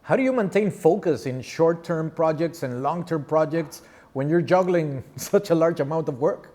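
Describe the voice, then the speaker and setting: Man with a slightly high voice, asking questions. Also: moderate pace, mellow. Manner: brief, polite prompting. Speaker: interviewer. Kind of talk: interview questions.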